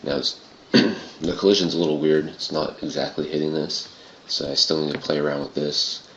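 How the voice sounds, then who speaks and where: A man with a gravelly, throaty voice, casually narrating a software tutorial in a muffled, roomy home recording. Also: extremely low pitch, little pitch movement, moderate pace, a little hiss or hum. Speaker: tutorial presenter.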